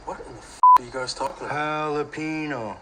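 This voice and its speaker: Guy putting on some fed-up dude scoffing at a bad pronunciation, mocking, kinda high. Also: brisk, heavy background noise, lightly acted. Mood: incredulous. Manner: mocking, incredulous. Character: exasperated man scoffing at a mispronunciation.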